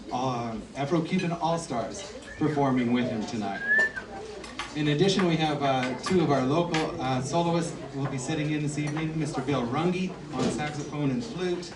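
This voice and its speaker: A man's voice: mid-range voice, moderate pace. A man making a hesitant stage announcement introducing a band. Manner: hesitant, many fillers. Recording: roomy, distant mic. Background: loud crowd.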